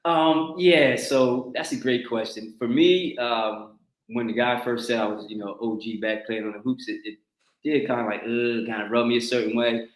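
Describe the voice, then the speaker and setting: A middle-aged man hosts a casual talk show, speaking at medium pitch and normal speed. He's an animated storyteller who acts out quotes and laughs often, and the recording has a roomy echo.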